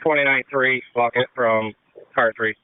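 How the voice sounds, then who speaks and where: A man's voice: medium pitch, steady tone, moderate pace, slight background noise. A man directing crews as a fireground officer in terse, procedural firefighter radio talk over a two-way radio. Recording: muffled narrow-band two-way radio.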